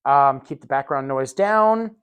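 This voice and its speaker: A man's voice: mid-range voice, animated, fairly bright tone, clear, resonant tone. Guy teaching a caregiver class, super casual and chatty, lots of "you know"s. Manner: casual, conversational teaching with many fillers and asides; demonstrates slow exaggerated enunciation. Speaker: caregiver training instructor. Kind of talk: recorded classroom lecture.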